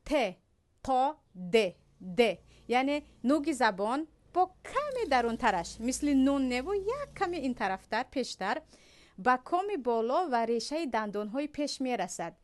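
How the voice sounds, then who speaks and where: A woman with a Tajik accent teaching a Quran recitation lesson, explaining patiently and slowly drawing out sounds as she demonstrates them. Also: sits high, sing-song. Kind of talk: religious lesson.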